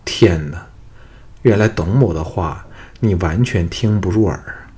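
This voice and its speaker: A man voicing a shrewd young hero who speaks calmly and sincerely, with an easygoing, teasing warmth, in an audiobook. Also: sits low, unhurried. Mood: earnest.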